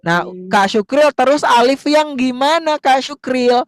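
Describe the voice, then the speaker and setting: A man's voice: very high voice, a little slow. Patient man teaching young children. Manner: patient, repeats words, coaxing questions. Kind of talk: call-and-response teaching of Arabic letters to children.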